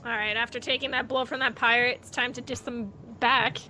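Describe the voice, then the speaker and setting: A woman playing a tabletop game, chatting quickly through her character's moves with lots of fillers. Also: on the high side, fairly even intonation, bright, forceful tone, soft background music, rough recording. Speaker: player. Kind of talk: casual tabletop game play.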